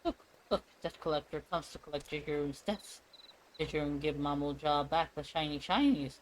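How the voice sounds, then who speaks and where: A man voicing a scheming little goblin merchant in wheedling broken speech, higher than his own voice. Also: normal speed, slight background noise, close to an everyday voice, low-quality recording.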